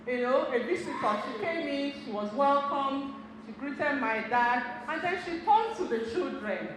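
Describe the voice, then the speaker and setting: A middle-aged Igbo woman gives a motivational talk to a seminar audience in a community center hall, telling stories, addressing listeners directly and laughing often. Her voice sits high and sounds animated at a measured pace. The hall is very echoey and noisy.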